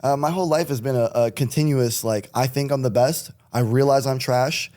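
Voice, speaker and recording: A man's voice: mid-range voice, fairly quick, a little mellow. A young man from Connecticut, a rapper chatting as a podcast guest in a laid-back, rambling way with frequent laughs. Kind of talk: casual chat.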